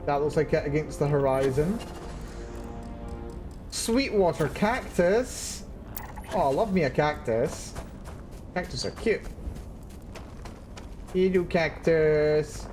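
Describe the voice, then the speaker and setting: A man's voice: on the high side, slow, pauses often, darkish tone, soft background music. A man streaming a video game from his seat indoors, chatting casually and musing aloud on tangents as he plays. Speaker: let's play streamer. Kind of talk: live gameplay commentary.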